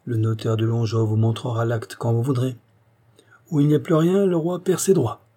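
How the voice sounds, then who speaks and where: A man's voice: mid-range voice, steady tone, moderate pace, mellow, lightly acted. A man voicing a proud, penniless young nobleman who answers with sarcasm. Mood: mocking. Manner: sarcastic, haughty retorts. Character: proud mocking young nobleman, broke debtor.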